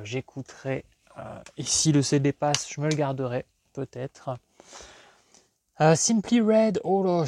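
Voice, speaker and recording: A man in his thirties from France talks over his secondhand CD finds in a loose, off-the-cuff way. He wanders from thought to thought and doubts himself, then perks up with sudden excitement at each new find. His voice sits at an ordinary middle pitch. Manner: rambling, self-questioning, bursts of excitement. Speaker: collector vlogger. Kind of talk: casual unboxing commentary.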